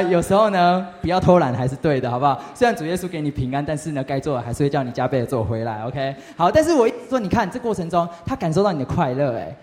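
A young man tells a lively testimony story to a youth group, often asking the audience questions. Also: on the high side. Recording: reverberant hall.

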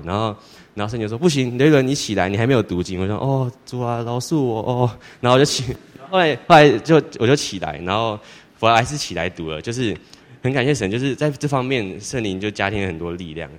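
A teenage boy giving a church testimony in a rambling, halting way, with many restarts. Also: lowish voice. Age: teens. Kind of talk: personal testimony. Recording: long hall reverb.

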